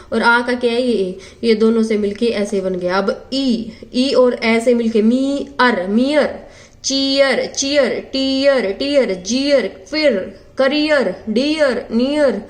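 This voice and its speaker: A young woman teaching a phonetics lesson for exam prep, sounding out words slowly and answering her own questions. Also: high-pitched.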